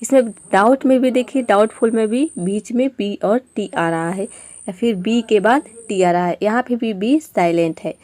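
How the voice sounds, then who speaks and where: A woman's voice: mid-range voice, moderate pace, darkish tone, no echo. A woman from India teaching an online lesson, explaining patiently step by step and mixing English words into her Hindi.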